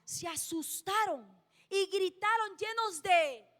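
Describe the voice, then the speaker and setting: Lady preaching in a church, really high voice, long echo, keeps repeating her point and asking the room stuff. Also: slow, a bit bright. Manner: emphatic, repeats key phrases, asks the congregation questions. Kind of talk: sermon. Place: church hall. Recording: long church-hall reverb.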